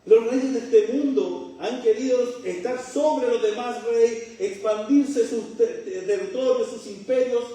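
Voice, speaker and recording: Speaking in a church hall, this middle-aged man from Chile, Chilean accent and all, poses rhetorical questions to his flock and slips in jokes as he preaches. His pitch is extremely high and his tone mellow, delivered unhurriedly with few pauses. Heavy echo fills the recording, captured from a distant mic.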